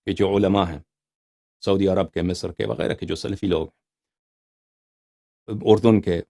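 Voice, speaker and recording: A man giving an explanatory scriptural lecture, emphatic, reciting quoted passages slowly and repeating key words, and putting rhetorical questions to his listeners. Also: low-pitched, steady tone, gravelly, warm tone. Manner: asks rhetorical questions to the audience. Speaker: religious lecturer.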